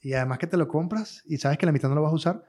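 A man's voice: on the high side, darkish tone. Joking Venezuelan man hosting a podcast. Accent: Venezuelan Spanish. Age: middle-aged. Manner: joking, laughs often, drawn-out asides. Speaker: podcast co-host. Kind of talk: casual comedic chat.

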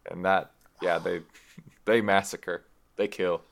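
A man's voice: deep voice, little pitch movement, takes it slowly, gravelly. A man on a casual podcast, making dry, blunt remarks. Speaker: podcast co-host. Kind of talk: casual chat.

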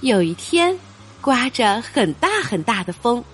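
A woman reading a picture book aloud for children in an expressive storytelling way. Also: fairly high pitch, a little slow, faint music behind.

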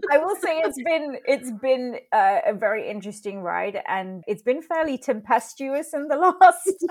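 A woman's voice: high voice, lively intonation, moderate pace. A woman journalist appearing as a guest, talking casually and laughing at herself. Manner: laughing, self-deprecating. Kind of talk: casual chat.

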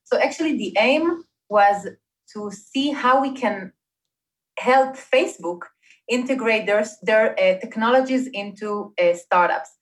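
A woman's voice: fairly high pitch, unhurried. Woman chatting with many fillers. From Israel. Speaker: guest, startup investment partnerships manager. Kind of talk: conversational interview.

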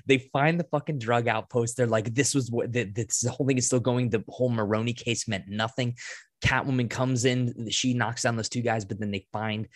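A man co-hosting a podcast, excitedly retelling a movie scene by scene in run-on sentences, swearing freely. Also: medium pitch, moderate pace, no echo, clean studio sound. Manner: excited, profane scene-by-scene recap; breathless run-on storytelling. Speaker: podcast co-host. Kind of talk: casual movie review chat.

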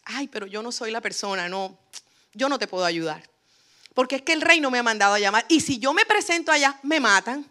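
A woman preacher acting out the biblical Esther as a hesitant young queen who makes excuses, in a bright voice. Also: mid-range voice, very animated, fast. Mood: excuse-making.

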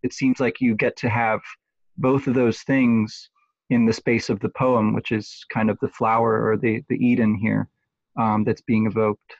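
A man in a relaxed conversation, thinking aloud about a poem with frequent pauses and restarts. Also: fairly low pitch, creaky, no room sound. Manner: hesitant, many restarts and ums. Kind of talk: thoughtful conversational close reading. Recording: dull lo-fi dry sound.

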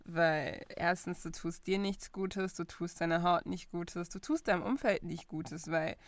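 A young woman co-hosting a casual chat, talking lively and slipping English phrases in between. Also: on the low side, unhurried, dry recording. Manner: lively, mixes English phrases into German, laughs often. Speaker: podcast co-host.

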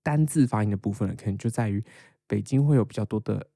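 A young man speaks with a Taiwanese Mandarin accent in a low, gravelly voice. His tone is mellow and a bit dark. He explains things patiently in a relaxed podcast monologue, recorded close up in a dry room. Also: fast, no room sound. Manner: explains patiently, then reads English lines aloud as a shadowing drill. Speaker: podcast host.

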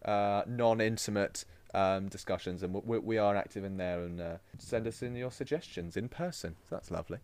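A man's voice: on the low side, moderate pace, hardly any pauses, darkish tone, smooth, no echo. A man hosting a casual podcast, chatty and jokey, often laughing and restarting his sentences. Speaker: podcast host.

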